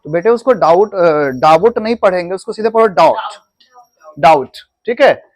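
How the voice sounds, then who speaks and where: A man's voice: high voice, animated, brisk, a little mellow. A man teaching a classroom of students, working in call-and-response style. He repeats words again and again and corrects pronunciation patiently, checking often that the class has followed. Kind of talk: classroom lesson in mixed Hindi and English. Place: classroom with a board.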